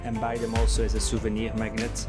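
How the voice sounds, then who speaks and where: A young man, calmly narrating a travel vlog voice-over. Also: lowish voice, quick pace. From Belgium. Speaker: travel vlogger. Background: music.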